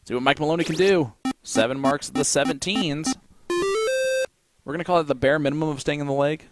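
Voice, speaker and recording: Over loud music, a man with an Indiana accent briskly calls a darts match from the tournament commentary desk, his voice a little high. He keeps joking and teasing his co-commentator between calls.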